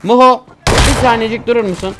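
A man giving casual, excitable gameplay commentary, chatting to viewers and teammates and swearing casually. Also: very high voice, fairly quick, heavy background noise. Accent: Turkish. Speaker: gaming YouTuber.

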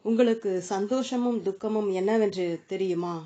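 An earnest seeker asking about the mind and the self, voiced by a woman reader. The questions come in a plain, even way with a warm, relaxed tone. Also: medium pitch, moderate pace, muffled recording, close to an everyday voice. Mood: questioning.

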